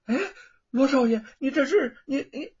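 A man's voice: very high voice, normal speed, a little mellow, breathy edge, muffled recording, pitched above the performer's own voice, heavily acted. A male storyteller voicing a timid middle-aged official who stammers and exclaims in alarm. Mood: flustered.

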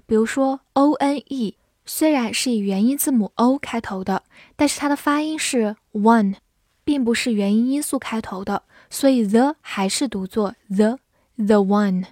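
A woman teaching English vocabulary and grammar, reading example sentences slowly and carefully. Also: fairly high pitch, darkish tone, no echo, studio quality. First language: Chinese. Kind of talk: scripted English lesson.

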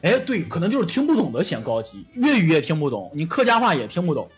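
Raspy podcast guy just chatting, jokey, voice swings up and down, faint music. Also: fairly high pitch, wildly swooping pitch, fast. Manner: colloquial, joking. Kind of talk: casual chat.

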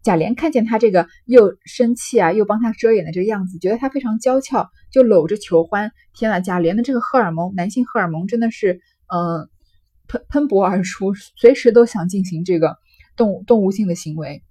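Husky-voiced woman reader and commentator; chatty and explanatory, with constant asides to the listener. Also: mid-range voice, brisk, mellow. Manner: chatty asides seeking agreement. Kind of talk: reading a classic novel aloud with commentary.

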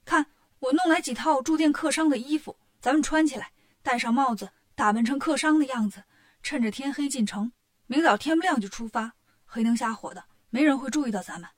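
A cocky monkey king full of schemes, voiced by a woman reading a storybook aloud. He talks fast and sure of himself, in a voice that sits on the high side. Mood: scheming. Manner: brisk, confident, full of schemes. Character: clever monkey king, brash and bossy.

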